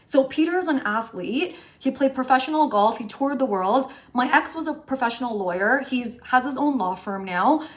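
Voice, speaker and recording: A woman in her late thirties, a relationship coach, talking to her viewers in an animated, chatty way and often asking "right?". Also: sits high, normal speed, few pauses. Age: 30s. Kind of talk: casual chat to camera.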